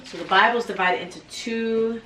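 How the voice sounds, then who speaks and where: A woman's voice: on the high side, normal speed, pushed and bright, a little hiss or hum. A woman hosting a homeschool vlog, chatting casually to the camera at home about her plans for the day. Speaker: homeschooling mother and channel host. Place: family home.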